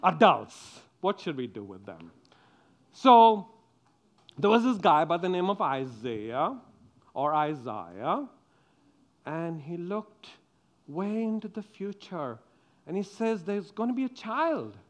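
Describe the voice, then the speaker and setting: A man's voice: high-pitched, very animated, takes it slowly, pauses often. A man giving a playful children's sermon as pastor, coaxing the kids and the congregation with questions.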